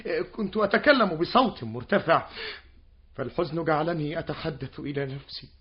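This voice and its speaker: An actor playing a nervous, pleading widower who stammers and frets in an old radio drama. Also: male voice, fairly high pitch, expressive, brisk, slightly rough. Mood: flustered. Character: flustered middle-aged widower, nervous and pleading. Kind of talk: 1960s-era Arabic radio drama acting. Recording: dull lo-fi old radio recording with faint noise.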